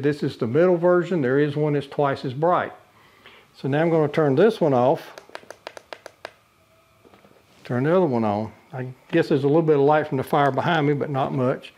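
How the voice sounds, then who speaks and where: An older man reviewing products casually demonstrates a camping lantern indoors, beside the brick wall of his living room. His fairly high voice has a darkish tone and moderate pace, the recording is muffled, and he speaks plainly with plenty of uhs and restarts.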